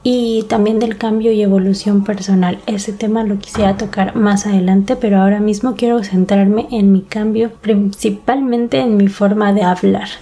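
This is a woman in her thirties with a Mexico City Spanish accent, hosting a casual monologue podcast. Her mid-range voice is steady and dark, moving at normal speed with few pauses, as she talks candidly and directly to listeners over slight background noise.

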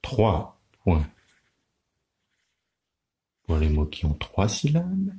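A man giving a children's lesson on counting syllables, speaking slowly and clearly in a sing-song teacher's manner. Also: low-pitched, wildly swooping pitch, warm tone.

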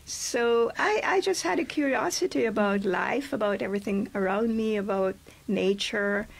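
A woman's voice: mid-range voice, moderate pace, creaky. Older Jamaican woman reminiscing. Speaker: guest poet. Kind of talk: radio interview. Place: small radio studio, indoors. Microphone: studio microphone on a boom arm.

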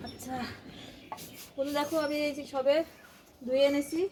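A woman with a slightly high, hoarse voice talks casually to her viewers, calling them friends as she films outside on a sunny rooftop. Her phone recording carries clear outdoor noise behind her. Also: level tone, normal speed. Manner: chatty, addresses viewers as friends. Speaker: vlogger. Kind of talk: casual vlog narration.

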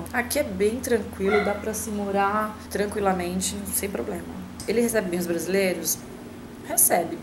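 Woman from Brazil, home vlogger, mid pitch, chatty with lots of restarts, slight room hiss. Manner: chatty, hesitant, many restarts and fillers. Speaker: vlogger answering a tag. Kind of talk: casual talk to camera.

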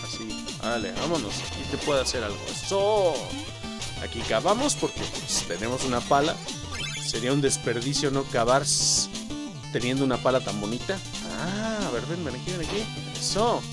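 A man with a Mexican Spanish accent giving excitable, joking let's-play commentary and swearing often. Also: mid-range voice, moderate pace. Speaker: gaming YouTuber. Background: game music.

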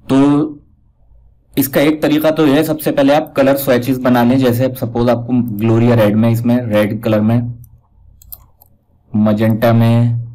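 A man giving a casual step-by-step software tutorial, pointing out each step as he goes. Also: mid-range voice, flat delivery, measured pace, pauses often, poor audio. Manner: talks step by step, repeats "dekhiye" while pointing things out. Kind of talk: casual screen-recorded tutorial.

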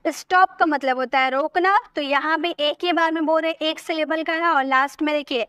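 A woman teaching an English grammar lesson, patiently repeating words slowly and breaking them into syllables. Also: high-pitched, fairly even intonation, fairly bright tone, no room sound, clean studio sound.

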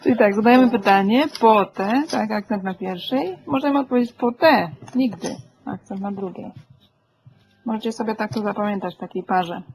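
A woman leads a classroom lesson, patiently asking her students questions and checking they follow. Her voice is mellow with a creaky edge. Faint background noise runs under the recording. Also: medium pitch, a little fast, low-quality recording. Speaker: Greek teacher.

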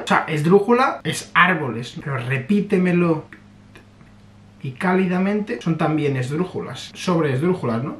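A man's voice: high voice, a bit bright. A young man with a Spain Spanish accent taking a quiz on a vlog, boasting, joking and swearing at himself as he goes. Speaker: YouTuber. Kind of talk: casual quiz vlog commentary. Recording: echoey room with music behind.

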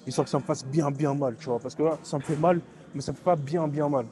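A young man filming a workout vlog in a gym, talking to the camera in quick, clipped bursts and stumbling over repeated words as he stutters. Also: a little high, steady tone, warm tone. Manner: counts reps aloud while lifting, strained and breathy. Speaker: fitness vlogger. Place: gym, indoors.

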